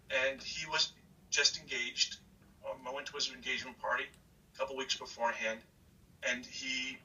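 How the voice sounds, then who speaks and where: A man recounts a harrowing day in halting, restarting sentences. His voice is very bright and edged. He sits some distance from the microphone. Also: mid-range voice. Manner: halting, repeats words, restarts often. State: slightly hyperventilating. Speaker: interviewee recalling a disaster. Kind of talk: emotional first-person account.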